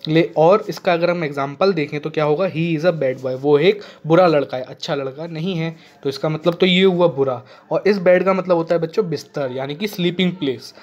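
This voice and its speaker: A male teacher giving a classroom grammar lesson to children, often checking they follow and reading English examples slowly. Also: fairly high pitch, a little mellow, lo-fi sound. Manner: addresses children, frequent "ठीक है ना" checks, slow spelled-out English examples. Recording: echoey room.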